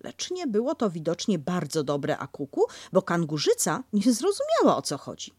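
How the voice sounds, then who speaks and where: A woman narrating a children's storybook in an expressive, animated way. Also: lowish voice, moderate pace, slightly rough, no echo, studio quality.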